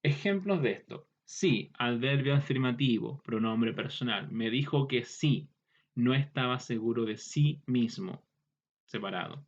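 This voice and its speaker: A man teaches a grammar lesson at a medium pitch. He repeats each example word and adds quick asides as he explains. The recording sounds slightly dull and lo-fi. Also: animated.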